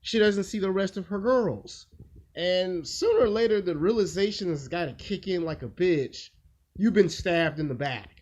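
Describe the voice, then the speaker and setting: A man's voice: high-pitched, animated, moderate pace, a little mellow. A man hosting his own video, telling a rambling, crude story in a blunt, casual way and acting out the quoted lines. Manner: loose rambling delivery with acted-out quotes. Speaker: video host. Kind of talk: casual monologue. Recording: dull lo-fi sound with faint noise.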